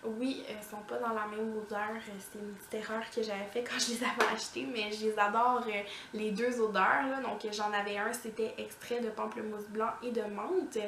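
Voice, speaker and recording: A woman's voice: mid-range voice, flat delivery, moderate pace, hardly any pauses, a bit bright, a little hiss or hum. A woman with a Québécois accent reviewing finished products in a casual vlog, chatty and full of "euh" fillers. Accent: Québécois French. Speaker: beauty vlogger. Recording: echoey room.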